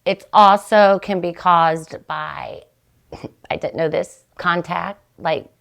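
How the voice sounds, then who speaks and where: A chatty middle-aged woman rambles through a story on her podcast. Her voice sits fairly low with a gravelly fry, and she jumps up in pitch when she gets excited. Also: takes it slowly. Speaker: podcast host. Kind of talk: casual chat.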